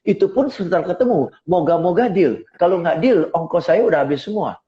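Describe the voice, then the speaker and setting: A middle-aged man coaching on sales in a live online talk, lively and rhetorical, often asking listeners to agree. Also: high-pitched, a little fast, muffled recording. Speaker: seminar speaker and sales coach. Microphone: phone on a tripod.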